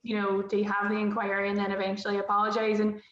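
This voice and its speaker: A woman's voice: medium pitch, completely flat delivery, quick pace, fairly bright tone. Derry woman in a roomy, muffled recording. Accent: Derry, Northern Irish. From Derry, Northern Ireland. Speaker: political correspondent. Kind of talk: personal account on a panel. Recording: roomy, muffled, faint background noise.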